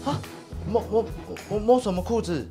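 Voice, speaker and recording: A man's voice: high-pitched, normal speed, warm tone, faint music behind, natural voice. A young man playing a clueless, eager apprentice plumber in a comedy sketch, stammering, with a Taiwanese accent. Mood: confused. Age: young adult. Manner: flustered, stammering. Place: indoor room of a home.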